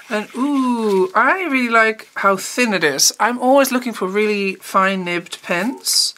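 A woman art teacher chatting casually and eagerly as she unboxes art supplies, thinking out loud as she goes. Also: medium pitch, a little hiss or hum. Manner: chatty and enthusiastic, thinking aloud.

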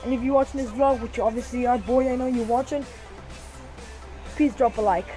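Hyper casual vlogger woman, kinda high voice, cusses a lot, repeats stuff, music going in the background. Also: brisk, low-quality recording. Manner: excitable, profane, repeats phrases. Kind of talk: casual handheld vlog. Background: music playing.

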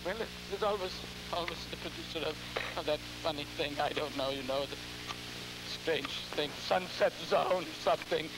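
A man playing a ghoulish, theatrical horror host, halting and repeating his words in a campy, scheming, cackling manner on an old television show. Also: fairly high pitch, lightly acted. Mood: scheming, nervous. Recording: noisy, humming vintage television recording.

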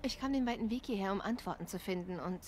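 A woman playing a guarded young huntress in a video game, talking in a measured, matter-of-fact way. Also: medium pitch, a little hiss or hum, natural voice. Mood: guarded, curious. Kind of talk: naturalistic video game acting.

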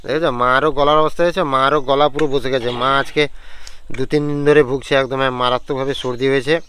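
A young man vlogging casually at home, sick with a cold and a sore throat, chatting with fillers and clearing his throat. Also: medium pitch, steady tone, fast talker, fairly bright tone, a little hiss or hum. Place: at home and outdoors in the yard. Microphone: handheld camera on a stand.

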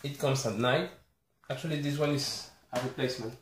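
This Argentine collector has a mid-range voice, with slight background noise audible in the small, echoey bedroom where he records. Chatting casually to the camera about his haul, he hesitates and apologizes while listing titles singly. He is a native Spanish speaker with an Argentine Spanish accent.

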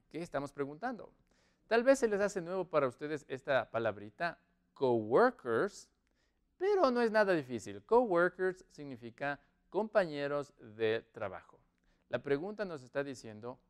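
A man runs an online English lesson for Spanish speakers, his voice smooth and clear with a fairly high, lively pitch that swings up and down. He drills each new word, stretching the English phrases out slowly so learners can repeat them. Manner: slow, drawn-out English model sentences between quick Spanish explanations. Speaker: English teacher.

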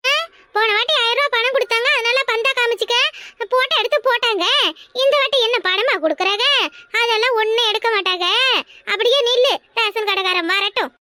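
A woman voicing a fretful, sharp-tongued village wife in a cartoon, with a Tirunelveli Tamil accent. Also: very high voice, brisk. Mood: grumbling. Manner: grumbling, scolding. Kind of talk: cartoon voice acting.

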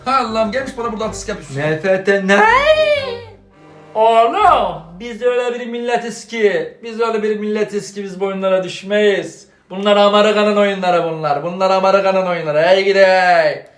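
A man's voice: high-pitched, fairly quick, pitched below the performer's own voice, close to an everyday voice. A man playing a stern, preachy middle-aged father who scolds his grown son in an exasperated, moralizing way. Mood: lecturing. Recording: echoey room, faint music behind.

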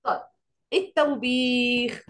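Woman, Egyptian Arabic accent, teacher, online lecture, fairly high pitch, quizzes the class. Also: steady tone, fairly bright tone. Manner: quizzes the class often, recites verses slowly.

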